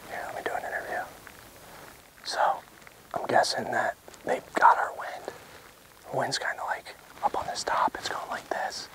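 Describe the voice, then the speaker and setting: A man whispering hushed commentary outdoors while stalking wildlife, as if careful not to be heard by the animals. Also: normal speed, pauses often, poor audio. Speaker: bowhunter filming his hunt. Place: outdoors in open hilly country.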